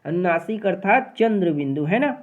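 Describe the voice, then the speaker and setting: Step-by-step exam-prep teacher, middle pitch, thin phone-line quality. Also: animated, moderate pace. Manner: explains step by step, often adds tag questions. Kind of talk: exam-prep grammar lesson. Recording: phone-like narrow audio.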